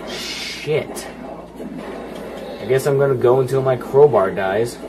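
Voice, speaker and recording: A man with a medium-pitched, fairly quick voice plays a horror game indoors, aiming casual, profane remarks right at it while filming the TV screen. The recording is a noisy room capture that includes the game's sound.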